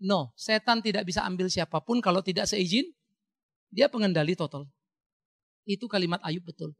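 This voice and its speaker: A male pastor preaching a sermon in an animated, emphatic way, with sudden rises for emphasis. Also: high-pitched, normal speed, no room sound.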